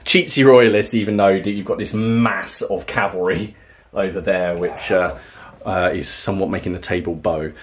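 Low-voiced man chatting over a wargame. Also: normal speed, a little hiss or hum. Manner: relaxed, chatty, explains rules with fillers and laughs. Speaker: tabletop wargame player and channel host. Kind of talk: casual battle report commentary. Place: home room with a wargame table.

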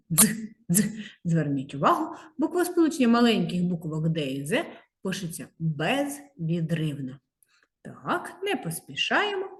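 A woman teaching a handwriting lesson to young children, slow and sing-song, drawing out the sounds of letters. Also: deep voice. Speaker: primary school teacher.

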